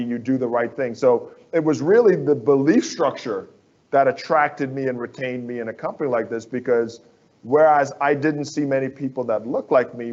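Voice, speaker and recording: A man's voice: medium pitch, a little mellow, dull audio. A man from the Bahamas, a construction firm executive, speaking as an interview guest in an earnest, persuasive way that repeats phrases for emphasis.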